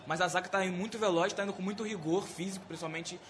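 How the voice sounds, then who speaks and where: A man's voice: sits high, steady tone, rapid-fire, background noise. A Brazilian man giving live analysis as a football match commentator.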